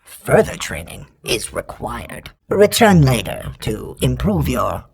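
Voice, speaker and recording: An actor performs an emotionless training droid for a video game, delivering scripted lines of formal, clipped combat instructions through robotic processing. The voice is medium-pitched, slow and husky with vocal fry, in a heavily acted style. The tone is stern and procedural, with deadpan announcements.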